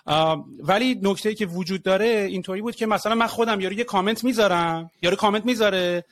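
A man co-hosting a casual podcast, telling stories in an animated way and acting out quotes. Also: high voice, a little hiss or hum. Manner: animated, storytelling with acted quotes. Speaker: podcast co-host.

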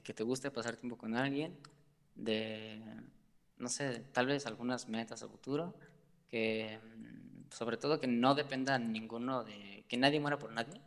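With a creaky, mid-range voice, a male talk show guest haltingly describes how he feels, leaning on fillers and nervous chuckles. It's personal, conversational talk, and the audio has a long reverb tail.

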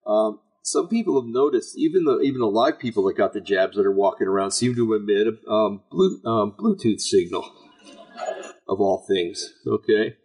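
A man hosts an informal online religious talk in a gravelly, husky voice that sits on the low side. His delivery is folksy and halting, rambling along as he addresses his listeners. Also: animated, a little mellow, low-quality recording. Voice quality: raspy, gravelly voice. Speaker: online show host. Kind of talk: informal religious commentary to a live audience.

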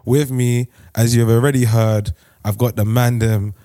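A man's voice: mid-range voice, fairly even intonation, normal speed, warm tone, no room sound, clean studio sound. A man with a London roadman accent hosting a podcast in casual, playful, slang-heavy banter. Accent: London roadman, multicultural urban slang. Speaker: podcast host.

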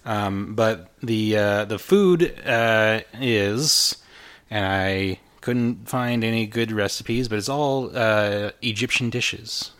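A man narrating as game master of a tabletop game and hosting the show, in a rambling way full of pauses and fillers. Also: lowish voice, a bit bright, clean tone.

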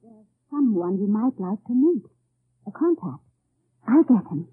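A woman's voice: mid-range voice, sing-song, a little slow, slightly rough, no room sound. An actress playing a guarded, subdued young woman with terse delivery, in an old-time AM radio drama. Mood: nervously hospitable. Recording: tinny, dry old AM radio recording.

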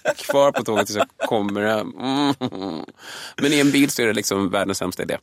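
A male comedian telling an animated story in casual podcast chat, swearing a lot and acting out voices. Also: lowish voice, no room sound, clean studio sound. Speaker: stand-up comedian.

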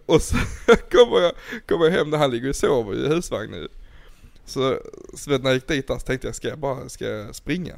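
A man's voice: medium pitch, animated, vocal fry. A young man in casual chat, laid-back and swearing, telling stories with laughs. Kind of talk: casual storytelling.

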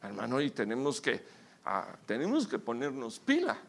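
Man, pastor, sermon, gravelly fry, emphatic loud bursts. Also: mid-range voice, huge pitch swings, normal speed. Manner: addresses listeners as brother.

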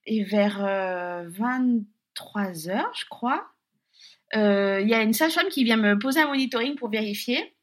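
A young woman telling a personal story in casual chat, lively, laughing often and swearing offhandedly. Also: on the high side.

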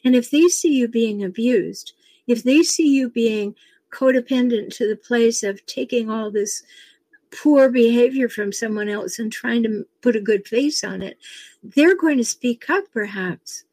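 A woman's voice: on the high side, measured pace, a little mellow, husky, no room sound. An older woman, a relationship coach, giving earnest advice and telling personal stories, with a chuckle now and then. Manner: earnest, advising, chuckles as she tells stories. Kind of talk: advice talk with personal anecdotes.

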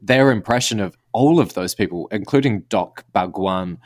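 A low-pitched man chatting on a podcast, thoughtful and conversational, dropping the odd bit of slang. His voice sounds close and dry, recorded at home with no room echo. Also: moderate pace. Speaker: podcast co-host. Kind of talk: casual chat.

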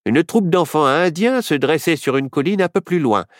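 A man narrating a children's storybook in an expressive, measured way. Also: on the high side, no room sound, clean studio sound. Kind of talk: storybook reading.

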